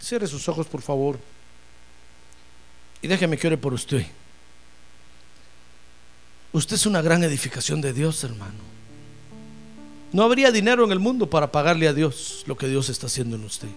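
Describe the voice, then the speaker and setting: A man preaching a sermon as pastor, joking with listeners as brothers and swelling into loud cries of praise before dropping to quiet asides. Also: on the high side, big pitch swings, moderate pace, long pauses, soft background music. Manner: humorous, addresses listeners as brother.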